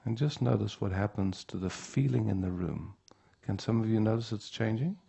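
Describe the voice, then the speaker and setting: A man giving an unhurried spiritual teaching talk at a retreat. He often checks in with the room by asking "yeah?". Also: fairly low pitch, vocal fry, warm tone, husky.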